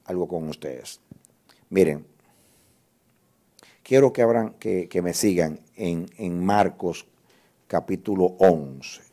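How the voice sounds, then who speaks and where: Male guest pastor, dark gravelly voice, emotional sermon testimony with repeated words. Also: low-pitched. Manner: emotional testimony, repeats words, rises to loud scripture reading.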